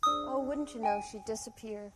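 A woman playing an earnest, patient, polite young lady in children's television make-believe, gently pleading. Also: fairly high pitch, normal speed, over loud music, close to an everyday voice. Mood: reproachful.

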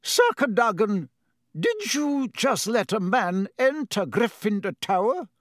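A man's voice: high-pitched, sing-song, slow pace, no echo, clean studio sound, pitched above the performer's own voice, exaggerated voice. A man voicing a stern older woman schoolteacher, outraged and formal, with clipped scolding delivery for a storybook. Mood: demanding.

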